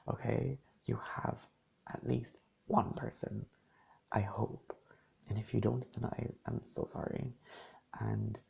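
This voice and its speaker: A man chatting in a gentle, reassuring ASMR style, sometimes half-whispering while he eats and sips a drink. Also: mid-range voice, creaky, breathy edge. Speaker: ASMR creator. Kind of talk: soft-spoken ASMR chat.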